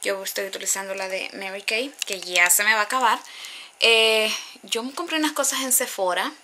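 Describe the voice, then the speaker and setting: A Honduran woman in her thirties, a beauty vlogger, chats casually through a makeup tutorial close to a webcam in a small bedroom, rambling with asides and slipping in English words. Her voice is medium-pitched, bright and forceful at normal speed, with a little hiss or hum.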